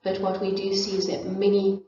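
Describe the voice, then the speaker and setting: Here a middle-aged woman with a South African accent, presenting on parenting and child development, speaks at medium pitch with a completely flat delivery, moderate pace and warm tone. Her informal, educational talk is thoughtful, full of fillers and restarts, captured in an echoey, distant, dull room with slight background noise.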